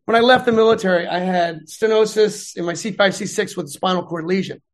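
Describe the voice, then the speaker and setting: A middle-aged man, a veteran and math instructor, chatting in an interview with animated, rambling storytelling. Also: high voice, brisk. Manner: rambling, animated retelling with voiced quotes.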